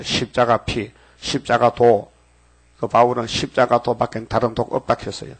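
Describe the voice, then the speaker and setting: An older man delivers a sermon with a gravelly, mid-pitched voice. He speaks emphatically and folksily, often pausing for rhetorical asides to his listeners. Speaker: preacher.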